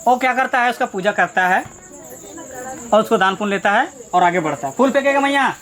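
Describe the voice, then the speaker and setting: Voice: mid-range voice, lively intonation, brisk, fairly bright tone. A storyteller, leading a Karma puja, telling the ritual story and giving chatty instructions to the participants. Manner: chatty, directive, repeats phrases to hold attention.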